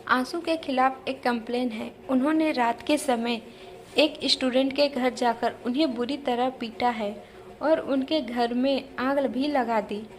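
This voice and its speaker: A woman's voice: high-pitched, fairly even intonation, a little slow, a little hiss or hum. A woman voicing a stern male college principal in an audio story, strict and commanding.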